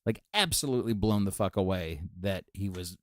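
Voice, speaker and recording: A man's voice: moderate pace, no echo, clean studio sound. A man co-hosting a casual podcast chat, telling stories with lots of energy and acting out what others said. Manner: animated storyteller, acts out quotes in a high excited voice. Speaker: podcast co-host.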